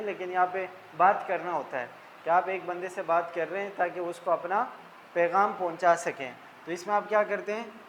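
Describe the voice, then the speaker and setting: A male tutor with a high-pitched voice talks through lecture slides. He explains each term in plain, simple words and keeps checking in with his listeners. There is a faint hiss of noise behind him. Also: poor audio. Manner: explains terms in simple words, repeats "ठीक है".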